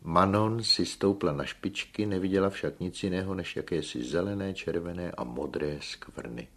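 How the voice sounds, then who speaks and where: A man narrating a story aloud in a measured, expressive reading. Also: sits low. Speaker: audiobook narrator.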